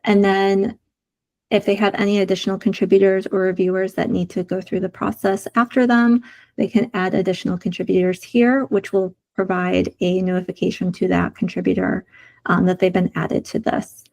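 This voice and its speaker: A woman with a sore throat, losing her voice, walks through design prototypes on a screen share during a community video call meeting. Her medium-pitched voice is level, creaky, and darkish at a normal speed, and she explains each screen step by step with frequent fillers.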